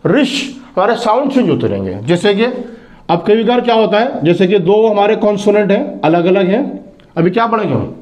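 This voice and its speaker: A man teaching English phonics, drawing out each word slowly and answering his own questions as he goes. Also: high-pitched, big pitch swings, darkish tone. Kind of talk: phonics lesson.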